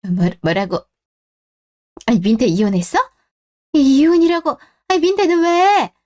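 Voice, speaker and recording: A woman's voice: high voice, measured pace, a little mellow. A scolding worried mother. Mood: shocked. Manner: scolding, exasperated questions. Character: scolding middle-aged mother, blunt and worried. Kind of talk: radio drama acting.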